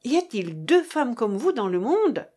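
A woman reading the part of a gruff old male lieutenant, a sailor and soldier who swears and blusters with soldierly bravado. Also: a little high, very animated, measured pace, mellow. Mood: blustering.

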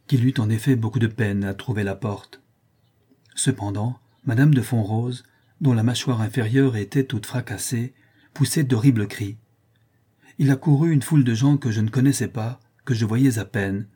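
A man's voice: mid-range voice, warm tone, slightly rough. A man reading an old French novel aloud in the first person, with an impassioned dramatic delivery. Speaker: audiobook narrator. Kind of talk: literary first-person narration.

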